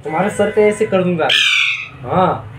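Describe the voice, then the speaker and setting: A man's voice: high-pitched, animated, unhurried, far from the mic, very noisy. A man casually talking to his pet birds, coaxing and teasing them with the same questions over and over. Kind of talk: casual talk to pets. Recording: roomy, from off mic, loud bird squawks behind. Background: parrots squawking.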